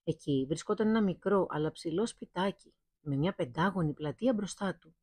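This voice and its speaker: A woman narrating a fairy tale, reading it aloud at a steady pace. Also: on the low side, breathy edge, dry recording. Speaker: storyteller.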